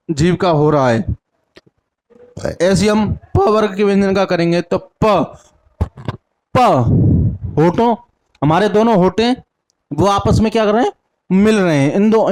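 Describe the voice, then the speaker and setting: A young man teaching a lesson with a north Indian Hindi accent. He asks each question, answers it himself, repeats the answer, and sounds out syllables slowly one by one. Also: high-pitched, a little mellow. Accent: Hindi-speaking north Indian. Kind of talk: classroom lesson with call-and-response drills.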